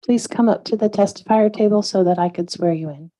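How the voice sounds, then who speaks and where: Polite, mellow-voiced meeting clerk woman. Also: medium pitch, brisk. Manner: polite, procedural. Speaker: commission clerk. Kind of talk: procedural meeting announcements. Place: public hearing room.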